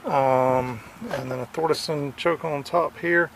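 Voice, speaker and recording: Man with a gravelly voice, vlogging outdoors. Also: fairly high pitch, fairly even intonation, a little hiss or hum. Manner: halting, lots of "uh" fillers, enthusiastic about finds. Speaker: vlogger at a hamfest. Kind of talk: casual walkaround vlog. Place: outdoor fairground flea market.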